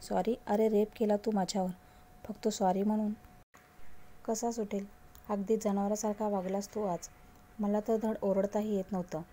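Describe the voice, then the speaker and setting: A hurt young woman answers in short, cutting lines, her voice mellow and low-key rather than bright, as a woman storyteller reads her part. She sounds curt and dismissive throughout. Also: flat delivery, moderate pace, slight background noise, natural voice. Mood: angry. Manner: snapping, curt.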